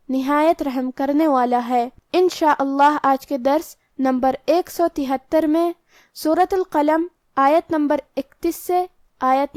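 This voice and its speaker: Female recitation teacher, high voice, dry close recording, measured and methodical. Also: a little mellow, no echo. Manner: measured, step-by-step instructional delivery. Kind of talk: tajweed lesson explaining pronunciation rules.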